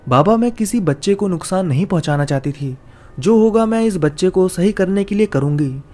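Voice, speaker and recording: Man doing grieving mother, tender, pleading, raised pitch, warm tone. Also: lively intonation, normal speed. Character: grieving gentle well-off mother woman.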